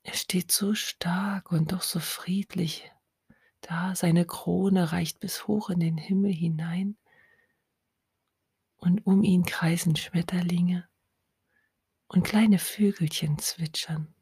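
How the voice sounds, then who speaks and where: Woman, whispered hypnosis, very slow, breathy, low, dry close mic. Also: steady tone, darkish tone, no room sound. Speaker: hypnosis guide. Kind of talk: whispered guided hypnosis, ASMR.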